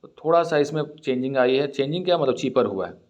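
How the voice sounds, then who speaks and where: A man's voice: medium pitch, expressive. Hindi-speaking man teaching English vocabulary. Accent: Indian. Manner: reads English lines slowly, then explains word meanings. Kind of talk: explaining an English newspaper editorial in Hindi.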